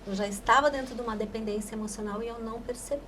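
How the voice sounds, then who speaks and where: High-pitched woman hosting a podcast, emphatic, leans into her questions, light background hiss. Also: racing, fairly bright tone. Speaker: podcast host. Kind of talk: podcast interview.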